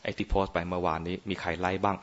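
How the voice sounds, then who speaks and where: A man's voice: sits low, monotone, fast. A man, a Buddhist monk, giving an informal dharma talk on meditation in a playful, teasing way, often quizzing his listeners. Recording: muffled lo-fi recording.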